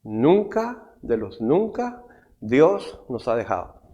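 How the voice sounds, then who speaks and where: Man, middle-aged, pastor giving a sermon; lively, swinging delivery. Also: mid-range voice, slow pace, lo-fi sound. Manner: animated preaching, with frequent rhetorical questions.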